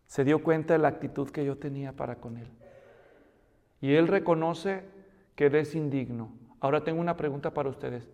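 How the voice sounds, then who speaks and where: A man's voice: fairly high pitch, fairly quick, darkish tone, long reverb tail. A man preaching a sermon as pastor, asking the listeners questions and building to emphatic peaks.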